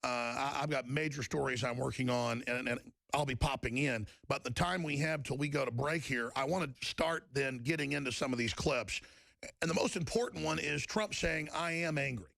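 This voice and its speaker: A man hosting a talk radio show, delivering a fiery monologue in an emphatic, rapid style that rises toward near-shouts. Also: mid-range voice, vocal fry, no room sound.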